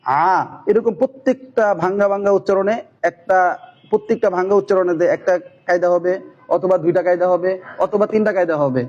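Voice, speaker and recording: Male Quran teacher, high voice, slightly dull lo-fi sound, steady explainer. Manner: chants Arabic syllables slowly and loudly when demonstrating. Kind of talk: instructional talk on Quran reading.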